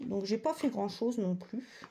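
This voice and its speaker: A woman's voice: mid-range voice, lively intonation, a little slow, noisy background. A woman chatting casually as a cross-stitch vlogger, rambling with many fillers and self-corrections. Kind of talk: casual chat.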